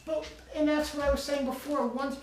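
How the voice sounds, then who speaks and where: A woman dog trainer calmly explaining her training and patiently encouraging a dog with frequent praise. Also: high voice, moderate pace, roomy sound, recorded from a distance, a little hiss or hum.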